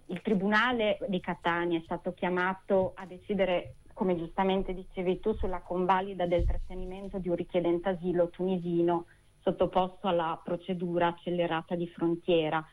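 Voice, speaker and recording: A woman lawyer, a guest on a radio interview, talking over a tinny phone line in measured, precise legal phrasing. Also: fairly low pitch. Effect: speaking over a phone line.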